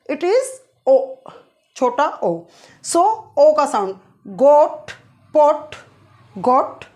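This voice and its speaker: A woman teaching phonetic symbols, who asks her students questions, answers them herself and draws out sounds to demonstrate them. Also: high voice. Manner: repeats key points as quiz questions and answers them. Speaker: English teacher.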